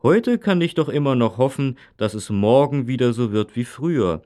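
A man's voice: medium pitch, expressive, normal speed, dark tone, lightly acted. Man acting a grumpy old man, grumbling nostalgically. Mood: grumpy, stubborn. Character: grumpy old father nostalgic for the good old days. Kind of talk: scripted language-lesson dialogue.

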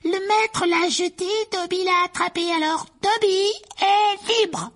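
Squeaky, slow-spoken little house-elf, audiobook. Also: male voice, steady tone, fairly bright tone, exaggerated voice. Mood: amazed. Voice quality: high squeaky voice. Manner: slow, emphatic, speaks of himself in third person. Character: small excitable male house-elf, squeaky and devoted. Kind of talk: audiobook character voice.

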